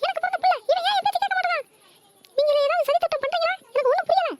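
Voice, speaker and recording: A woman voicing a bossy, domineering middle-aged mother in a cartoon, who talks quickly and scolds. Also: extremely high pitch, very noisy, pitched above the performer's own voice. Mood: angry.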